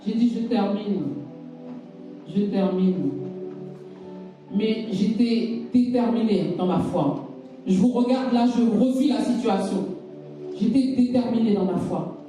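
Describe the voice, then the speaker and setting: A woman preacher with a mid-range, dark-toned voice speaks slowly, pausing often, as she delivers a sermon in a church hall built around her personal testimony and emphatic repetitions. The recording comes from far off in the echoey hall, with faint music.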